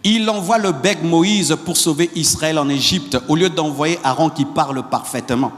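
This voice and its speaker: High-voiced male pastor preaching in a hall. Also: normal speed, over music. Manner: repetitive, rising to shouted exhortations; calls on the congregation to repeat phrases. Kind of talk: sermon.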